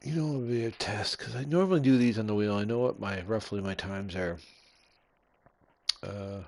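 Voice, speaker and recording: Canadian guy, low gravelly voice, mumbling racing-game commentary, loud engine noise behind. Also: normal speed. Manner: muttering to himself while driving. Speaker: sim racing gamer. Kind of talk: casual gameplay commentary. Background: car engine sounds from the game.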